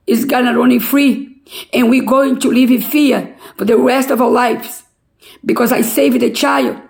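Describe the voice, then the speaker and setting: Older brazilian lady, slow halting broken english, kinda raspy fry, higher voice, emotional story. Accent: Brazilian Portuguese. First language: Portuguese. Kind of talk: emotional personal testimony.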